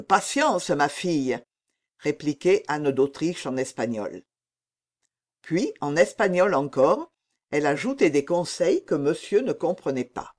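A woman narrating an audiobook of a classic novel in a measured, expressive storytelling voice. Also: low voice.

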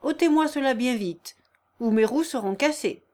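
Brief: a woman doing a cold, sardonic mill boss, loud and commanding, pitched up. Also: animated, normal speed. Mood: stern. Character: stern, sardonic middle-aged male mill owner.

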